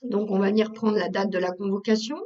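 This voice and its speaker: A woman who trains people on Google Workspace, explaining a software task step by step with frequent fillers, recorded as a screen tutorial. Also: medium pitch, steady tone, a little fast, recorded from a distance, highs cut off.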